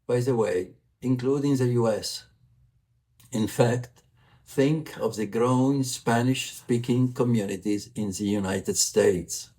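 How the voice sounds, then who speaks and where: Speaking with an Italian accent, a man from Italy presents a prerecorded report as vice president for communications, formal and measured. His voice is warm and medium-pitched, though the recording quality is low.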